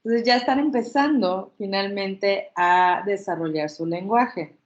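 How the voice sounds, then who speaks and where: A woman's voice: medium pitch, unhurried. A woman giving an informal workshop talk, reassuring her listeners and acting out baby sounds as examples. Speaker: child language workshop presenter. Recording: echoey room, slightly dull audio.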